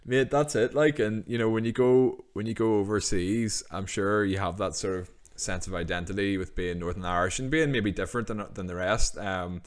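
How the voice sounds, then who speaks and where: A man hosting a podcast, asking loose, rambling questions full of "um" and "you know". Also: fairly low pitch. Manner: relaxed, asks rambling questions with fillers. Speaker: podcast host. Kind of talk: casual podcast interview.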